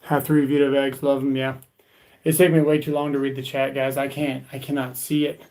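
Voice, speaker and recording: A YouTube tool channel host, this man chats casually with viewers during a live tool video, rambling and often repeating his words while calling them "guys" and "dude." His voice is medium-pitched and fairly quick, with a darkish tone and little pitch movement. The audio quality is poor.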